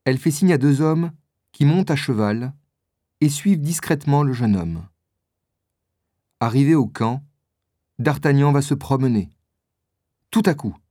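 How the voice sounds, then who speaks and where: Slow, lively male audiobook narrator. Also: a little high, dry recording. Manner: slow, clearly articulated storytelling. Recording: dry close studio voice.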